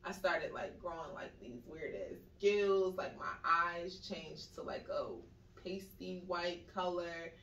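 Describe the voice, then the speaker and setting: A woman's voice: on the low side, fairly even intonation, takes it slowly, fairly bright tone. A woman co-hosting a casual podcast, telling a long story with lots of "like" and acting out the quoted voices. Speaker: podcast co-host. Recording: echoey room, mic at a distance.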